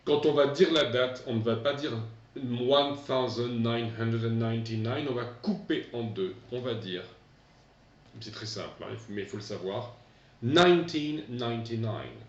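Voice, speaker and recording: A man's voice: mid-range voice, fairly even intonation, measured pace, distant mic, dull audio. Echoey middle-aged male teacher, hesitant. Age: 50s. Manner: hesitant, repeats words for pupils to echo. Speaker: English teacher. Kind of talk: remote classroom lesson.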